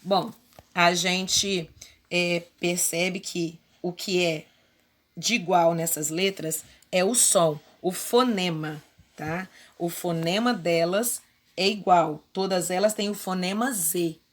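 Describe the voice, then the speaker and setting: Speaking slowly in a lowish voice, a female Brazilian primary school teacher patiently walks through workbook exercises in a remote lesson. She explains each step and uses diminutives.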